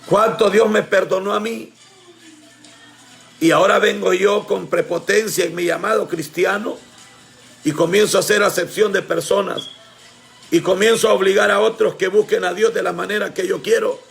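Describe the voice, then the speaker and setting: Man, preacher, sermon, high voice, gravelly, fervent, shouts often, faint music behind. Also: steady tone, normal speed. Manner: fervent, often shouting, addressing the congregation as brothers.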